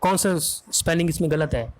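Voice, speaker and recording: Man, online tutor, spells words aloud, coaxing, slightly high pitch. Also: moderate pace. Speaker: exam vocabulary teacher. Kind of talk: online exam prep lesson.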